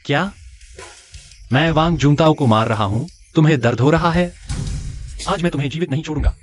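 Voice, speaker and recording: A man's voice: fairly high pitch, fairly quick, faint music behind, lightly acted. An actor playing a suspicious, angry husband who accuses his wife of cheating. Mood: furious. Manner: accusing, agitated. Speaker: jealous husband.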